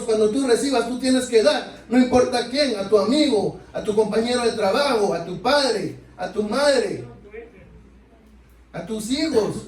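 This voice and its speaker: Male preacher, very high voice, heard from a distance in a reverberant sanctuary, sermon delivery full of "brothers" and questions. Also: darkish tone. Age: adult. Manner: keeps addressing listeners as brothers, asks rhetorical questions. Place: church sanctuary. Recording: echoey church, mic far off.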